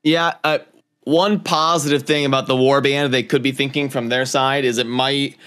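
A man in casual gaming chat, talking in a relaxed, easygoing, speculative way. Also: mid-range voice, moderate pace.

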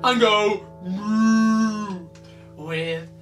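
A man's voice: high voice, steady tone, drawn-out words. A young man leading an interactive children's music class, singing and cheering the kids on while he plays. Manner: upbeat, encouraging, sings and prompts children. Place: small room with guitars on the wall, indoors. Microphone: camera in front, seated with acoustic guitar. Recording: guitar accompaniment throughout.

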